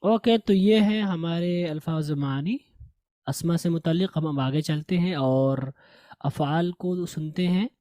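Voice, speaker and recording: A man teaching a language lesson at an unhurried pace, saying each word twice and stopping to fix pronunciation. His voice is soft and mellow, recorded dry and close with no room sound. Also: fairly high pitch, dry recording. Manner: slow, repeats each word, corrects pronunciation. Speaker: English teacher.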